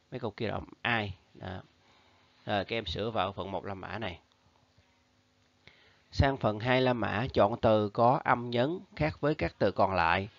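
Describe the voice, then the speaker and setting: A man's voice: lowish voice, vocal fry, fairly bright tone, no room sound. Male teacher, Vietnamese accent, patient classroom drill, dry close sound, muffled lo-fi. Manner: patient, reads options out slowly. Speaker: secondary school English teacher. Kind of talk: recorded lesson for pupils.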